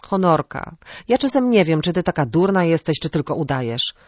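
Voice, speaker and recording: A woman's voice: deep voice, sing-song, normal speed, no room sound, clean studio sound. A woman reading aloud and voicing a sensible, exasperated woman who scolds her younger cousin with sarcasm in an audiobook. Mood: scolding.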